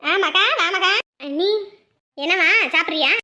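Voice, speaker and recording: A woman voicing an easygoing middle-aged cartoon mother who calmly brushes off her daughter's complaints. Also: very high voice, measured pace, heavily acted. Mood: dismissive. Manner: calm, placating scolding. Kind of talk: cartoon voice acting.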